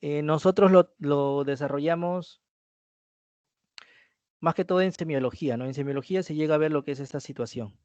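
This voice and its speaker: A man with a slightly higher voice teaches an online review lesson. He explains patiently, checks in with a questioning "¿no?" and restates each key point. The sound is dry and a little dull, like a lo-fi recording. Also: moderate pace, long pauses, darkish tone, no room sound.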